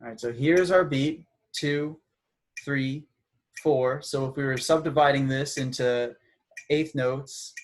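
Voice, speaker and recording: A man's voice: medium pitch, slow pace. A man giving a casual, slightly awkward music lesson who counts beats aloud as he explains. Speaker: music teacher.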